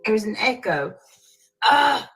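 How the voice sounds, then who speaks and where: A woman's voice: a little high, very animated, slow pace, fairly bright tone, breathy edge, faint music behind. A woman live streamer talking straight to her viewers, her voice echoing as if she were in a tunnel. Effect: echoing, tunnel-like sound from a distant mic. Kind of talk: casual live-stream chat.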